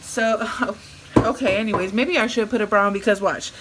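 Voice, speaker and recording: A cooking vlogger with a medium-pitched voice talks at a normal speed as she chats casually through a home cooking video, rambling and cracking bawdy jokes. She's in her home kitchen with food frying, and a sizzling pan can be heard behind her.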